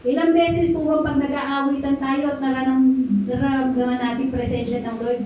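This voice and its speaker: A woman's voice: high-pitched, little pitch movement, normal speed, dark tone, a little hiss or hum. A middle-aged woman pastor preaching a sermon, drawing amens from the congregation and mixing in English. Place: church hall. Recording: echoey hall, voice from far off.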